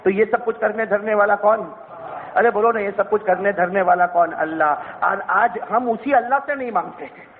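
A man delivers an impassioned sermon, telling a story and questioning his listeners directly. His voice sits very high. The sound is thin and phone-like, with a long reverb trailing off the walls of a large hall. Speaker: preacher.

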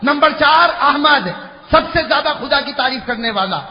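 A man preaching an impassioned sermon to a large gathering, swinging between shouting and hushed talk and prompting the crowd to answer back. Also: very high voice, expressive, slight background noise. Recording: echoey, dull-sounding hall recording with faint crowd.

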